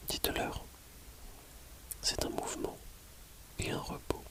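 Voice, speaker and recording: This is a whispered ASMR audiobook of scripture. The reader keeps to a quiet library hush, measured and slow, leaving pauses between brief phrases.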